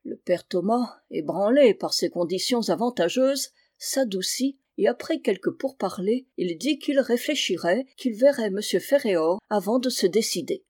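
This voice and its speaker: A woman reading a classic novel aloud in a measured, even manner. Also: mid-range voice, husky, no echo, studio quality. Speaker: reader. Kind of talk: audiobook narration of a classic novel.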